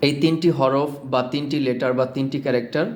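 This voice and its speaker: A man with a Bangladeshi Bengali accent, teaching Quran pronunciation and repeating each letter sound slowly as he demonstrates. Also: medium pitch, steady tone, a little mellow. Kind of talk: pronunciation lesson.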